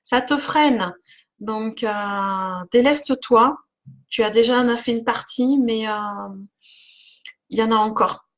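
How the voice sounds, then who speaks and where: A woman's voice: a little high, slow pace. A woman giving an oracle card reading on a live stream, chatting with viewers by name, with lots of fillers and little laughs.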